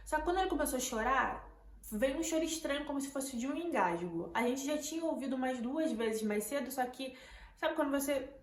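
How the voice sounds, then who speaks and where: A woman's voice: high voice, expressive, brisk. Emotional Brazilian woman vlogger, echoey room. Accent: Brazilian Portuguese. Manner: breathless, emotional retelling with repeated words. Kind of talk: casual storytelling to camera. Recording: echoey room, faint background noise.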